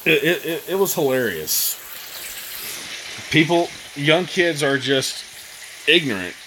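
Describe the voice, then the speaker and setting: Speaking slowly in a slightly high, sing-song voice, a thirtysomething man hosts a laid-back live chat. He tells stories and ribs people playfully, with background noise audible.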